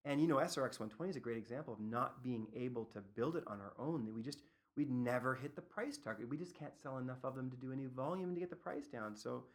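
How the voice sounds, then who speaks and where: A man from Canada who is a product manager, answering interview questions in an animated, storytelling way. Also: mid-range voice, quick pace. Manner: animated storyteller, acts out other people's lines.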